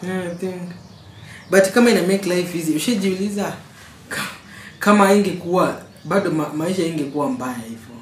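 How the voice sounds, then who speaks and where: A young man with a Kenyan accent and a somewhat high voice argues casually, mixing Swahili and English slang. He sounds off the mic in an echoey room with a faint noise behind him. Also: brisk, far from the mic. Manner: slangy, switches between Swahili and English, debating. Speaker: podcast co-host. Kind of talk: casual chat.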